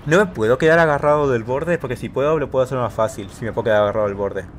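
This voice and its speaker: A man's voice: mid-range voice, racing, a little hiss or hum. A man casually commentating his gameplay, talking himself through each move and yelping repeated words when in danger. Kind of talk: casual let's-play commentary.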